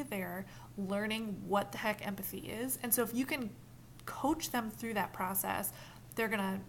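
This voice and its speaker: A woman leading a mentor training in a casual, animated way, acting out example lines as she explains. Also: mid-range voice, a little hiss or hum. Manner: animated, acts out quoted examples.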